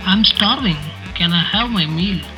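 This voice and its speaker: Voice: mid-range voice, measured pace, over loud music, low-quality recording. Short, plain request phrases recorded earlier and played back through a small device speaker.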